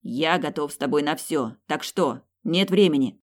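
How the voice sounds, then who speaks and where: A woman voicing an urgent young male fire mage who shouts his lines, in an audiobook. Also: low voice, moderate pace, close to an everyday voice. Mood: urgent shouting.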